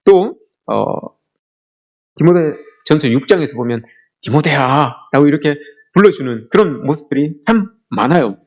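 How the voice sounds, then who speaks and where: A middle-aged male pastor preaching a sermon to his congregation. His voice sits a little high and swings widely in pitch. He tells the story earnestly and often calls out to his listeners directly. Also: animated, moderate pace, darkish tone.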